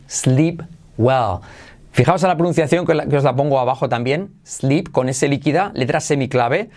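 A man runs an English pronunciation lesson for a podcast. He has a mid-pitched voice and drills each phrase slowly, over and over. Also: a little mellow. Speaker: English teacher.

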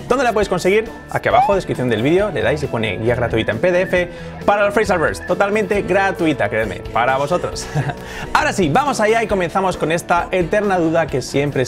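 A man with a Spanish accent from Spain hosting a casual English lesson, drilling pronunciation by repeating words. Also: high-pitched. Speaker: English teacher and host.

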